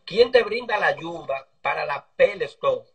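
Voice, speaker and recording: Over a video call with distant-sounding audio, a man interviews a mechanic, asking friendly, chatty questions politely and with fillers. His voice is a little high, animated and unhurried.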